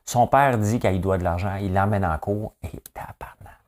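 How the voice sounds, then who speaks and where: A man's voice: lowish voice, normal speed, a little mellow. A man with a Québécois accent hosting a casual news commentary, blunt and opinionated with a joking edge. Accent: Québécois French. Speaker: host of a daily news chat.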